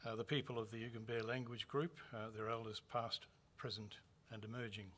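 A man's voice: mid-range voice, fairly bright tone, a little hiss or hum. Man giving a formal conference opening. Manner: measured, formal, lightly humorous. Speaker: university executive giving opening address. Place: conference venue.

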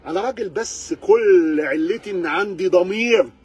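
A man's voice: high-pitched, moderate pace, darkish tone, husky. A man with an Egyptian Arabic accent, a car reviewer ranting to camera in a sarcastic, exasperated way, firing rhetorical questions. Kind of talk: animated rant to camera.

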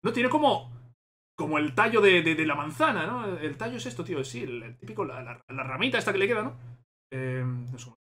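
A man with a Spain Spanish accent, reacting excitedly to a game trailer and thinking aloud as he repeats himself. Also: fairly high pitch, brisk.

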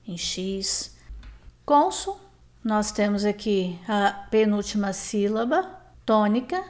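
A woman teaching a grammar lesson, explaining clearly and drawing out example words. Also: medium pitch, darkish tone.

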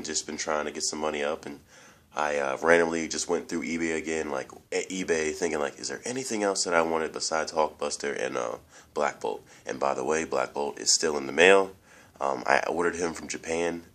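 A young man with an extremely low, deep voice, congested and stuffed up from allergies, rambles through a casual toy review vlog in a room at home. Speaking at normal speed with a fairly bright tone, he fills his talk with fillers and keeps calling his viewers "guys."

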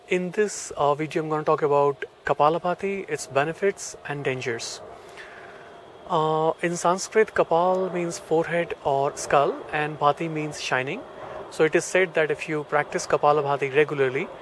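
Higher-voiced Indian-accented man teaching yoga. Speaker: yoga trainer. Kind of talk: instructional talk to camera. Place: outdoors in a leafy garden. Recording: faint outdoor background noise.

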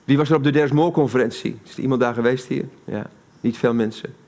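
A Dutch-accented preacher talks conversationally during a live sermon in a church hall, asking the congregation questions as he goes. His medium-pitched voice is a little mellow and moves at a quick pace.

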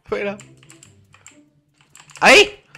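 A man's voice: extremely slow, sharp tone, soft background music. A man, chatting and laughing playfully during co-op gameplay as a gaming YouTuber. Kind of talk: casual co-op gameplay chat.

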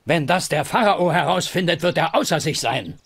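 A man's voice: fairly high pitch, animated, normal speed, creaky, a bit bright, husky, exaggerated voice. An actor playing a stern, impatient father in an adventure game, scolding and dismissive.

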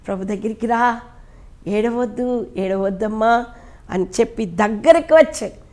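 A woman pastor with a Telugu accent, preaching a sermon fervently, swinging between loud rises and hushed drops. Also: fairly high pitch, a little slow. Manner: repeats pleading prayer lines ending in "ayya".

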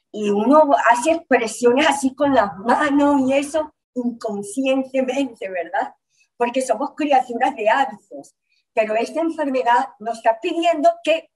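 A woman gives a community health lecture in a fairly high voice, speaking slowly and deliberately. She uses short phrases with pauses between them. She keeps checking in with her listeners, asking if they follow. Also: darkish tone, low-quality recording. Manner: patient, repeats points, checks in with "¿ok?" and "¿verdad?". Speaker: health educator. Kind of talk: slide-based community lecture.

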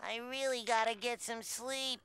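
A man voicing a cheerful, excitable young male sea sponge in a cartoon, with a squeaky, eager manner. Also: moderate pace, exaggerated voice. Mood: tired. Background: cartoon music.

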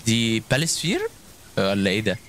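A man's voice: fairly low pitch, expressive, brisk, fairly bright tone, a little hiss or hum. A man with an Egyptian Arabic accent giving chatty gameplay commentary, calling out to viewers with frequent exclamations. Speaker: gaming YouTuber.

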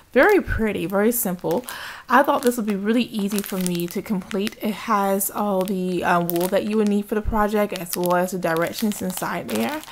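The audio is poor, with a little hiss or hum, as a woman with a mid-range voice records a home craft vlog on a handheld camera. She chats casually and with enthusiasm, holding up her haul for a show-and-tell.

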